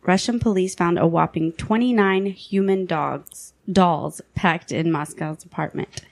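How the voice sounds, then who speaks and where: A woman's voice: lowish voice, measured pace, creaky, no echo. Woman co-host reading a creepy countdown. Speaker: podcast co-host. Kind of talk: reading a countdown list aloud.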